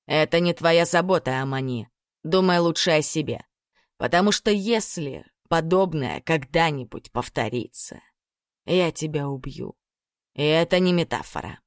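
A woman's voice: low voice, animated, normal speed, no echo, studio quality. A woman reading the lines of a domineering male sheikh, cold and threatening, in an audiobook.

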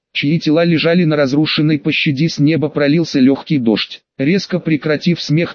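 Higher-voiced male audiobook narrator. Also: dry recording. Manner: steady, dramatic reading. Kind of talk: scripted narration of fan fiction. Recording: dull lo-fi, dry home recording.

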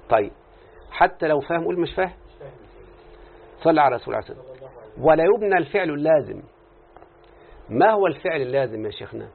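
Egyptian guy teaching class, kinda husky voice, keeps asking students questions, tinny phone-quality audio. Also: on the high side. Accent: Egyptian Arabic. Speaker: teacher of Arabic morphology. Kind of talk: classroom lesson explaining a text.

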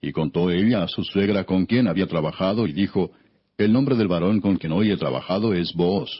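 A man narrating scripture as an audiobook in a solemn, measured reading style. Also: deep voice, slightly rough. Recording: dull, muffled lo-fi recording.

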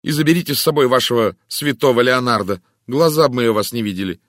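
A man reading an audiobook, voicing a fiery, haughty young woman with a sharp, imperious manner. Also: medium pitch, quick pace, no room sound, studio quality, pitched above the performer's own voice, natural voice. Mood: furious.

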